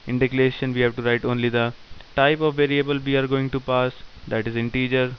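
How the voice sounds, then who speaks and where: A man teaching programming in a screen-recorded tutorial, dictating code in short halting phrases. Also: medium pitch, level tone. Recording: dull lo-fi sound with faint hiss.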